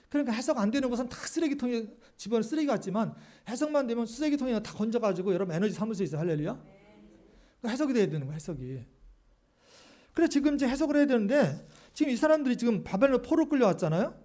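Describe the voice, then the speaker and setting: A man's voice: sits high, warm tone. A male pastor preaching a sermon, speaking animatedly to the congregation and often asking rhetorical questions.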